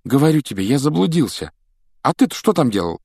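A man's voice: medium pitch, big pitch swings, brisk, vocal fry, darkish tone, slightly rough, no room sound, clean studio sound, pitched above the performer's own voice, full character voice. A male narrator voicing a polite, earnest young schoolboy wizard who gives plain, earnest replies. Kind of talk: audiobook character voice.

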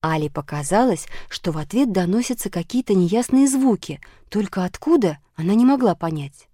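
A woman reading a children's audiobook aloud, telling it lively and giving each character a voice. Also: mid-range voice, normal speed, dry recording, studio quality. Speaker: narrator.

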